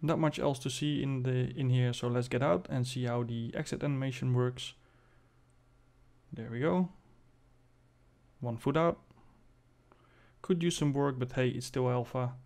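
A man giving casual commentary as host of a game showcase, halting and thinking aloud as he demonstrates. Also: mid-range voice, creaky, a little mellow. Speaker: video host presenting a game spaceship.

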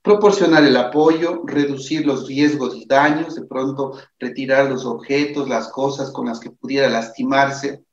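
Over a set of slides, a tired-sounding man with a mid-range voice and steady tone lectures on psychology, unhurried and with few pauses. Earnest and repetitive, he keeps asking his audience "¿de acuerdo?" It was recorded in an echoey room with dull, lo-fi audio.

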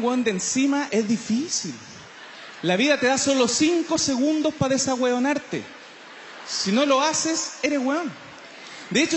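A Chilean man doing stand-up on an outdoor festival stage, his voice pitched very high. He talks in slangy, mocking bursts and drops into silly impressions. Faint noise sits under the live sound. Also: a bit bright. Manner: slangy, mocking, jumps into mimicry and scat singing. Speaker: stand-up comedian.

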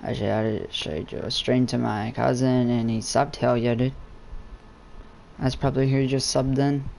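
A man's voice: medium pitch, level tone, unhurried, creaky, a little mellow, a little hiss or hum. A young man chatting casually on a gaming live stream in a slangy, laid-back, matey, sweary way.

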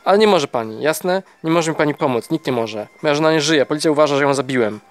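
A furious, grief-stricken young husband, as a male narrator puts him on, talking at a raised pitch and pushing every word. He sounds cornered and bitter in this audiobook scene. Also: fast, lightly acted. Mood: angry. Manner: heated, raised and pressing. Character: distraught angry young husband accused of murder. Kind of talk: audiobook character voice.

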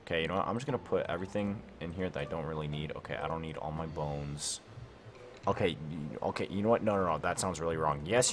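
A gaming YouTuber, a young man at home late at night, gives loose let's-play commentary on his own session, thinking aloud and doubting himself with heaps of "like" and "I don't know." He has a low voice, and his desk mic catches background noise.

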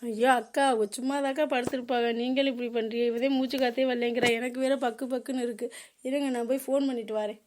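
A woman's voice: a little high, steady tone, fast talker, darkish tone, natural voice. A woman voicing an exasperated, dismissive sister-in-law in a cartoon comedy.

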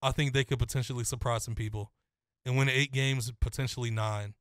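A man's voice: mid-range voice, fairly quick, no room sound, studio quality. Man breaking down college football. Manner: confident, detailed analysis with steady flow. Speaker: co-host. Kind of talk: casual sports chat.

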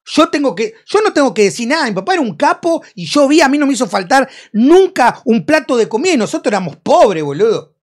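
A man's voice: extremely high pitch, fast, few pauses. A man in his thirties with a Rioplatense Argentine accent, a guest in a heated casual interview, ranting in a streetwise way with lots of swearing. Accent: Rioplatense Spanish. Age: 30s. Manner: animated, swearing, streetwise rant with acted quotes. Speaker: interview guest, freestyle rapper.

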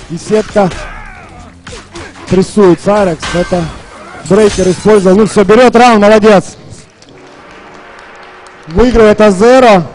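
A man's voice: high voice, darkish tone. A man giving live fighting game commentary at a tournament, informal, with encouraging interjections. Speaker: esports commentator. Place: live gaming tournament event.

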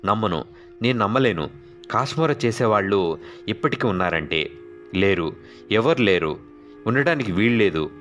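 A man's voice: lowish voice, expressive, normal speed, fairly bright tone, faint music behind. Man doing a teasing wandering fakir. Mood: alarmed. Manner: laughing, teasing, then solemn. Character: wandering male fakir, mocking then grave.

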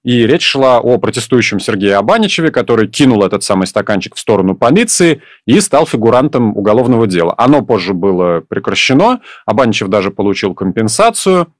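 A male news host asking measured, probing questions of a reporter. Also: fairly low pitch, sing-song, no echo, studio quality.

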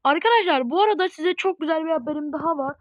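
A woman at home chatting casually to her viewers while playing a game, chatty and prone to excited, dramatic outbursts. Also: sits high, fast talker, dry recording, highs cut off. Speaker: gaming video host. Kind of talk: casual gameplay commentary.

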